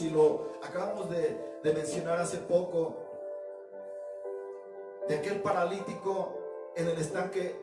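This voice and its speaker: A man, a pastor delivering a sermon with emphatic, repetitive phrasing that speaks directly to his congregation. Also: high voice. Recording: echoey room, distant mic, music behind.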